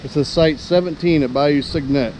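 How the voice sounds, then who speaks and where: A middle-aged vlogger chats casually into a handheld action camera inside his camper while a storm hits the campsite. His fairly high, darkish voice keeps a moderate pace, with music underneath and slight background noise.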